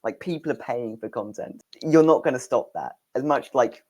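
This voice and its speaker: A man's voice: medium pitch, normal speed, darkish tone. A man with a British accent co-hosting a film podcast, laid-back and a little dismissive, laughing at himself. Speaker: podcast co-host. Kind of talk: casual film news chat.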